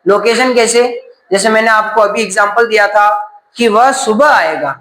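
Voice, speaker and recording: A man's voice: sits high, moderate pace, a bit bright, roomy sound, rough recording. A man teaching a grammar class, asking questions and then answering them himself.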